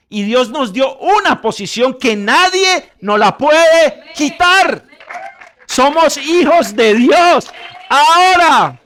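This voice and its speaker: A middle-aged male pastor with a high-pitched voice delivers a sermon full of humor. He keeps checking that his listeners are with him and shifts from loud, emphatic lines to quiet asides. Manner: jokes with the congregation, swings from loud emphatic peaks to quiet asides; asks the congregation if they follow.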